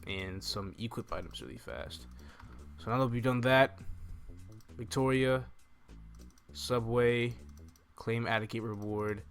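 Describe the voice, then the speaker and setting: Here the young man's voice is medium-pitched and a little bright as he talks viewers through a game in relaxed, informal commentary. The setting is an indoor room at home, with a close desk microphone and soft game music.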